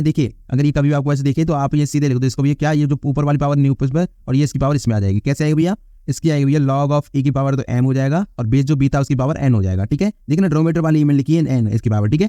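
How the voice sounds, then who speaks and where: A man's voice: mid-range voice, mellow, dry recording, clean studio sound. A young man teaching a math problem step by step in a chatty style, checking in with his listeners again and again. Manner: chatty, often says "thik hai bhaiya" and "dekhiye". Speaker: math tutor. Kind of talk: whiteboard lesson explanation.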